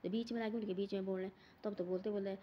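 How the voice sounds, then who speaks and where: A woman's voice: mid-range voice, steady tone, very fast, highs cut off, slight background noise. A woman, telling a moral story in a casual, rambling way and repeating words over and over.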